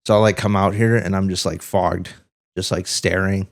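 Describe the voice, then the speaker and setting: A man's voice: deep voice, little pitch movement, moderate pace, no room sound, clean studio sound. A man co-hosting a podcast in casual chat, rambling and swearing freely, a bit under the weather. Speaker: podcast co-host.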